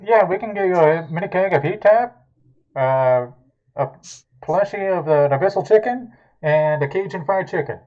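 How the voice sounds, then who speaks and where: A man voicing a bored drive-thru worker at a fast-food shack in hell, taking orders flatly through a muffled drive-thru speaker. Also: sits high, voice pushed up. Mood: matter-of-fact. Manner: flat, matter-of-fact order-taking. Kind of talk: tabletop game role-play.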